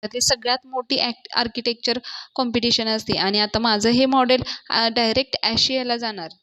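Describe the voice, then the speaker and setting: A woman voicing an excited young woman who pleads and coaxes in a high voice. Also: moderate pace. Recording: dull lo-fi recording.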